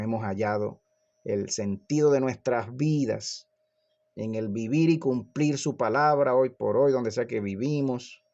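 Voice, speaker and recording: A man's voice: fairly low pitch, a little mellow, highs cut off. A man preaching a fervent, repetitive sermon, often tossing in questioning hums to his congregation. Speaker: pastor.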